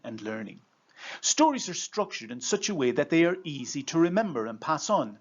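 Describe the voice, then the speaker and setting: A man in his fifties with an Irish accent gives a prepared presentation as a coach, in a measured, rhetorical storyteller's delivery. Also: medium pitch. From Ireland. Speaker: coach and trainer. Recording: slightly dull lo-fi sound.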